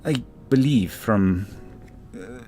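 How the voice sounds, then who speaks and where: A man voicing a face-painted elf woman in a put-on Russian accent, halting and tagging questions. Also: mid-range voice, lively intonation, dark tone, soft background music. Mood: earnest. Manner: halting, with "da" and "yes?" tags.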